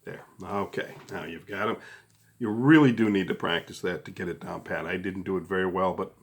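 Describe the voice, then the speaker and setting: Casting: middle-aged male instructor, lowish pitch, informal hands-on how-to delivery, conversational with frequent check-ins. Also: brisk. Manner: casual, conversational, often checks in with "okay" and "all right". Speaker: card trick instructor. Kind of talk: informal step-by-step tutorial.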